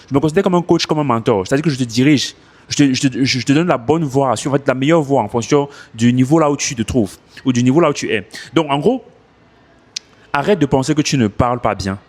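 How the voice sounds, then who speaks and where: A man's voice: medium pitch, fast. A man coaching French speakers on learning English, talking casually into his phone outdoors and repeating his points for emphasis. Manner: animated, repeats himself for emphasis. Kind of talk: casual advice vlog.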